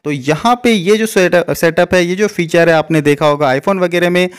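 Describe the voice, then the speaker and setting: A man's voice: sits high, moderate pace, clear, resonant tone. A man giving a casual voice-over comparison of two gadgets, explaining each point plainly and calling viewers his friends. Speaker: tech reviewer.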